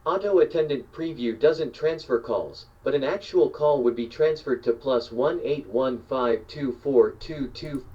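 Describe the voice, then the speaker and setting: A male voice reading a recorded automated phone menu message, listing numbered options in an even, measured announcer delivery. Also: medium pitch, a little hiss or hum. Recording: dull, distant playback of a phone menu.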